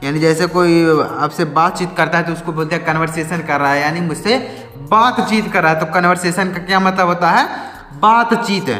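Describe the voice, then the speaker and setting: A man with a notably high voice gives a spoken English vocabulary lesson. He spells each word out letter by letter and answers his own questions. The sound is echoey, with a long reverb and faint music behind him. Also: fairly even intonation, fairly quick, sharp tone. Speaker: English teacher.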